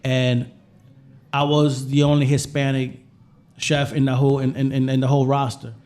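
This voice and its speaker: A guest chef from Puerto Rico talks casually on a podcast, sharing personal stories informally and often repeating his phrases. His mid-range voice is darkish, with little pitch movement and a normal speed.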